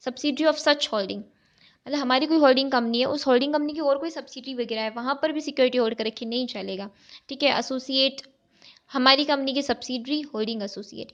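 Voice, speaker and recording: A woman chartered accountancy tutor, explaining step by step in a recorded exam-prep lecture. She poses questions and then answers them, and often checks in with "okay". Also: high voice. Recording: dull, lo-fi recording.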